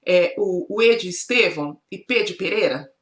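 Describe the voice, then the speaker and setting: A firm, matter-of-fact shopkeeper from a children's story, as a Brazilian woman plays him. She lowers her voice a little for him and speaks steadily. The room gives the voice a roomy echo. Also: moderate pace, natural voice.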